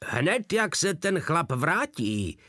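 A man's voice: a little high, very animated, a bit bright, no room sound, studio quality, pitched above the performer's own voice. A man voicing a pompous Prussian army captain who shrieks orders and loses his temper. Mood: seething. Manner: shrieking, losing control.

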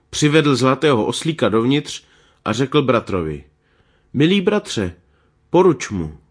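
A man reading a fairy tale aloud, giving the characters small changes of voice. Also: slightly rough. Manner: lively, voices characters with small pitch shifts. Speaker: storyteller.

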